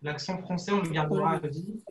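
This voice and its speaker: A man's voice: on the high side, fast, roomy sound, a loud crowd. A man from France with a French accent, a former student speaking frankly and informally in a panel discussion over a video call. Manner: frank, informal, casual phrasing. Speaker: alumnus guest.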